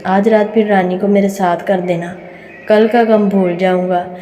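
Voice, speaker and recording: A woman's voice: mid-range voice, steady tone, a little slow, dark tone, slight background noise, lightly acted. A woman reading as a sulky, grumbling male client. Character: pushy male client of the courtesan house. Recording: reverberant room.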